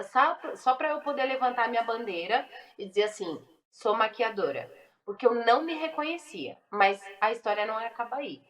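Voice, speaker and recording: Mulher do Sul, voz um pouco aguda. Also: female voice, on the high side, a bit bright, echoey room, rough recording. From southern Brazil. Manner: chatty, confiding, frequent tag questions. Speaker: guest makeup artist. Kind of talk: casual podcast chat.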